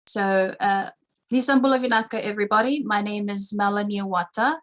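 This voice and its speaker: A woman's voice: mid-range voice, brisk. A young woman from Fiji, a registered nurse guest answering interview questions in a friendly, hesitant way with many fillers.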